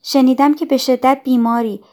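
A woman's voice: high-pitched, steady tone, darkish tone, pitched above the performer's own voice, close to an everyday voice. A woman voicing a young girl who urgently pleads with her dying friend, in a raised voice. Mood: pleading.

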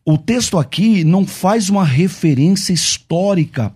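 A man's voice: high-pitched, expressive, moderate pace, a little mellow, breathy edge. A man with a Brazilian accent debating church worship, insistent and full of restarts. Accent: Brazilian Portuguese.

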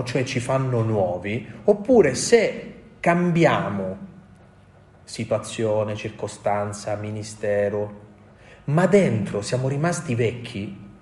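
Male preacher, mid-pitched, passionate sermon delivery with emphatic swells, reverberant church sound. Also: a little mellow. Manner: impassioned, rising to emphatic peaks, quoting voices. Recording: echoey room.

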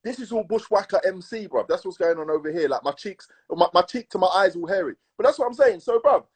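A man with a London roadman accent telling stories in casual, slangy chat, emphatic and repetitive, with a husky voice. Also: sits high, expressive, fast talker. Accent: London urban, roadman. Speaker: podcast co-host.

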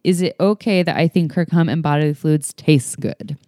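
A woman co-hosting a casual podcast, upbeat and quick to chime in. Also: sits low, warm tone, dry recording, studio quality. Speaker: podcast co-host.

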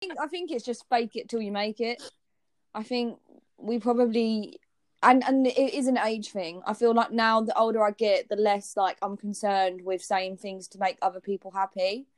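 A young Englishwoman talks candidly in a relaxed podcast chat, filling her sentences with "like". Her voice sits at an ordinary pitch for a woman. The sound is dry and close, with no room echo. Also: normal speed. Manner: chatty, fillers like "like", candid. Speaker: podcast co-host. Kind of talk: casual chat.

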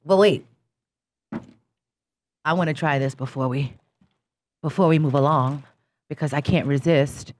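A woman hosting a casual talk show, stretching out words as she raves about food. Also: deep voice. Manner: lively, drawn-out food praise. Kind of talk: casual chat.

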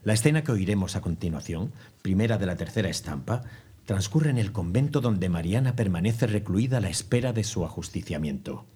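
A man narrating the play's scene setup in measured, explanatory scripted narration. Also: low voice, expressive, warm tone, slightly rough.

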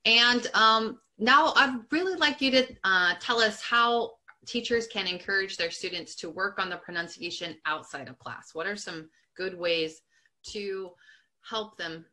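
Bright-voiced woman interviewer. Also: mid-range voice, measured pace. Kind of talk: interview questions.

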